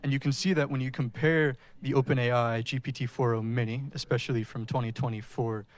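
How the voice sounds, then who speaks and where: This man presents a technical talk to an audience in a conference-style setting, speaking to them directly. His voice is medium-pitched with fairly even intonation, and his pace is a little fast.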